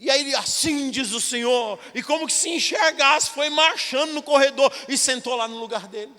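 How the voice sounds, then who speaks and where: A male pastor telling a personal testimony in a sermon, animated and emotional, acting out the dialogue. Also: very high voice, fairly quick, long reverb tail. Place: large church hall.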